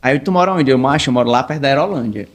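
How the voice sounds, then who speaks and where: A man, a podcast guest telling a story in an animated, rambling way, with many restarts and quoted dialogue. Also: medium pitch, very fast, background noise. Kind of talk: casual storytelling.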